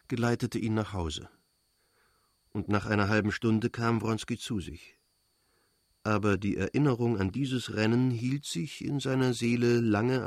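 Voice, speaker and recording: A man reading a novel aloud as an audiobook narrator, in measured, even storytelling. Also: on the low side, dry recording, clean studio sound. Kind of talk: scripted narration.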